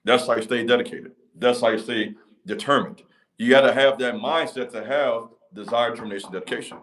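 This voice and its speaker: Speaking a little fast, a deep-voiced male channel host delivers a motivational talk straight to camera. His emphatic, repetitive cadence has a slightly bright quality.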